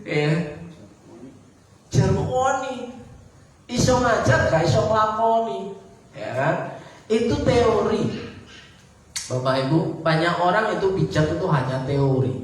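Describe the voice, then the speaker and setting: Animated pastor in an echoey church. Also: male voice, high-pitched, takes it slowly, long pauses. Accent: Javanese-influenced Indonesian. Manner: animated preaching, rhetorical questions to the congregation. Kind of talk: sermon. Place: church hall, livestreamed service. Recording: echoey church hall, distant mic.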